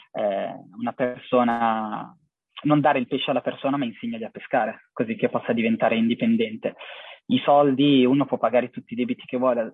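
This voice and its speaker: A young man speaks earnestly in an interview, pausing as he searches for words. His voice is husky, and it comes through a thin, phone-like connection with very little room sound. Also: mid-range voice, dry recording. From half Syrian family. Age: young adult. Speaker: interviewee, charity cycling traveller. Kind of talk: reflective personal account in an interview.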